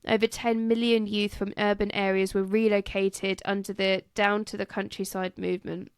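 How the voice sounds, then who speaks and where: A woman's voice: mid-range voice, level tone, normal speed, smooth, no echo. A woman co-hosting a casual history podcast, reading from notes and joking and swearing between facts. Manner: jokey, giggly, swears. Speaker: podcast co-host.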